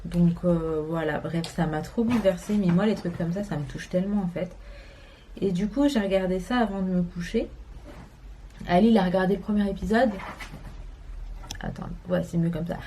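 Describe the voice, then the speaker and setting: A woman's voice: lowish voice, a little fast, warm tone, a little hiss or hum. A woman in her twenties from France, chatting casually to camera at home, rambling with many fillers. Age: 20s. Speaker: vlogger. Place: home, indoors.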